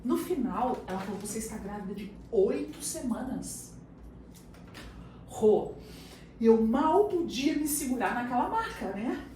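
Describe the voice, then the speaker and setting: A woman with a Brazilian Portuguese accent, a guest on an interview show, telling a personal story in a lively way and acting out what others said. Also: a little high, measured pace. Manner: animated storyteller who acts out the other people's lines. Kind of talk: casual chat, personal storytelling. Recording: very echoey room, distant mic, faint noise.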